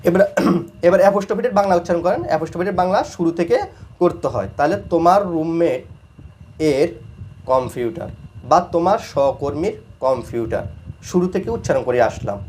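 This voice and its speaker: A man teaching English grammar as a lesson, slowly repeating each example word by word. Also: on the high side, expressive, a little mellow, slightly rough. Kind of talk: explaining grammar.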